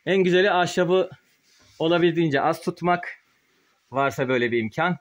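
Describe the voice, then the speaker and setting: This man's voice is on the high side and moves at normal speed, slightly muffled by the face mask he wears. Hosting a poultry-keeping channel, he films a casual vlog in a small wooden chicken coop with a handheld phone, explaining informally as he works a sprayer.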